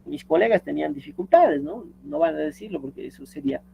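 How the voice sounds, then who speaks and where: A man's voice: fairly high pitch, expressive, fast, creaky, highs cut off, a little hiss or hum. A man teaching a lesson, explaining step by step and reading quotes aloud, often checking with "¿no?". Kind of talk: screen-share tutorial lecture.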